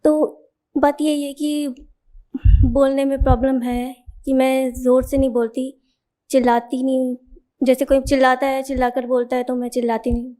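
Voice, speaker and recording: A young woman in the audience asking a question into a handheld mic, soft-spoken and hesitant. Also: high-pitched, level tone, moderate pace. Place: large hall at a festival.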